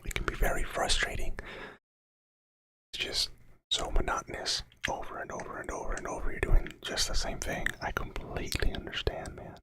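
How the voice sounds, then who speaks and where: A man's voice: normal speed, pushed and bright, low-quality recording. A man from Cuba who grew up in Florida, whispering on a casual ASMR live stream, chatting with viewers close to a sensitive microphone. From born in Cuba, raised in Florida.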